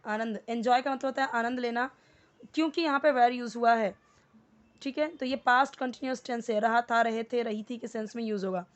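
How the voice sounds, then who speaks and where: A woman with an Indian accent teaches English with a slightly high voice. She explains each word patiently and reads example sentences slowly and deliberately, like a tutor walking a beginner through a lesson. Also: steady tone, dull audio. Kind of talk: step-by-step language lesson.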